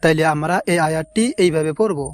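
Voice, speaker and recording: A man teaching correct recitation, drawing out words slowly and repeating them to correct pronunciation. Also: on the high side, no room sound, studio quality. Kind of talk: recitation lesson.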